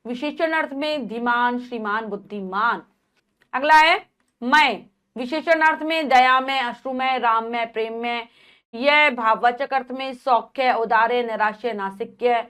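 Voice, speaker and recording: A woman teacher reading out a grammar lesson, going through word lists in a steady rhythm and stopping to explain. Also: on the high side. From India.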